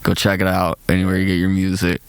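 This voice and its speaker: A young adult man, a rapper and producer, chats casually as a podcast guest in an interview, his low, nasal voice fast and monotone with vocal fry. He speaks loosely in slang, peppered with "like" and "man," into a close mic, with crowd noise in the background.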